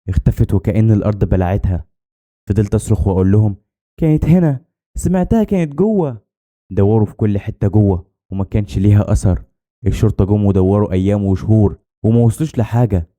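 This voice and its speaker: A man's voice: lowish voice, warm tone. A man with an Egyptian accent narrating a first-person horror story in a dramatic, scripted storytelling manner. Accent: Egyptian Arabic.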